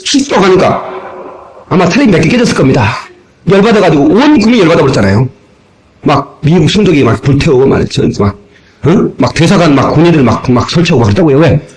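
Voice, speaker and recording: A male pastor preaching a sermon in an animated way, acting out little dialogues and raising his voice at times, heard from an old cassette tape recording. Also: a little high, quick pace, rough recording. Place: church sanctuary.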